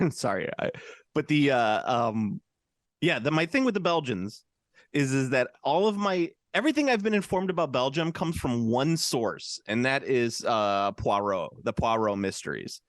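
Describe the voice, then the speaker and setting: Chatting casually as a podcast co-host, an American man jokes and rambles, often restarting and using fillers. His mid-range voice moves at a moderate pace with lively intonation, recorded in studio quality without echo.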